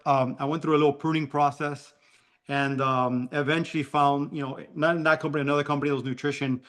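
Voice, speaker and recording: Man, Cuban-American Miami accent, rapid talker, rambling fillers, video call. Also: mid-range voice, fairly bright tone. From Miami, Florida. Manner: fast, rambling storyteller with fillers. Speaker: guest speaker. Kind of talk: personal story on a call.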